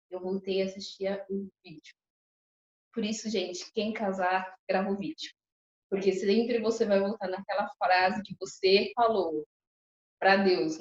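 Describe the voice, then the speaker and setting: Emotional young woman in echoey hall. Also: mid-range voice. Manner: emotional, lively storytelling that often turns to the audience. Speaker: testimony speaker at a church couples' course. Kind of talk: personal testimony to a group. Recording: echoey, slightly muffled hall recording.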